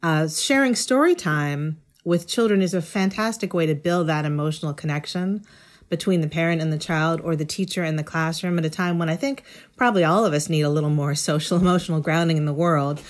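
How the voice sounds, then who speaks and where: Speaking a little fast in a deep voice, a middle-aged woman who writes about education talks as an interview guest. She comes across as conversational, thoughtful and articulate in her explanations.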